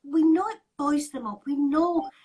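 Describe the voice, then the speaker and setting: A woman's voice: high-pitched, measured pace, darkish tone, rough recording. An English woman co-hosting a live chat, talking in a wry, chatty way and laughing at scammers. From England. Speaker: co-host.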